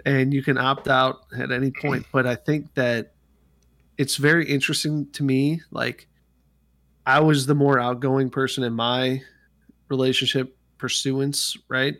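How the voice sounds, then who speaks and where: A man's voice: mid-range voice, flat delivery, a little slow, fairly bright tone, no echo. A man co-hosting a podcast in a casual group chat, asking questions in an informal, conversational way. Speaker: podcast co-host.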